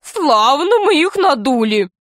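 A jolly fat alien space pirate from a storybook, boastful and gleeful, his voice pushed high and bright, as a woman narrator puts him on. He talks loudly, in a close and dry sound. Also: sing-song, slow pace, dry recording, exaggerated voice.

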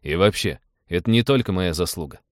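Мужчина, читающий реплики скромного капитана корабля, говорит с иронией, отмахиваясь. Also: male voice, deep voice, animated, a little fast, no room sound, clean studio sound. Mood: wry. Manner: wry, dismissive. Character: modest wry middle-aged male ship captain.

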